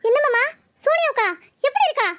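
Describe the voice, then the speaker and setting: A woman voicing a high, bright young village wife. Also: expressive, fairly quick, no echo, studio quality. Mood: alarmed. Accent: Tirunelveli Tamil. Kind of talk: cartoon voice acting.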